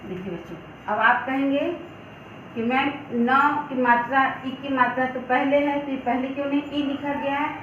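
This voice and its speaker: A woman's voice: high-pitched, steady tone, moderate pace, phone-quality sound, a little hiss or hum. A woman teaching Hindi to schoolchildren, patiently sounding out syllables one at a time and checking that they follow. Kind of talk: online classroom lesson for children. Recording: echoey room with faint background ambience.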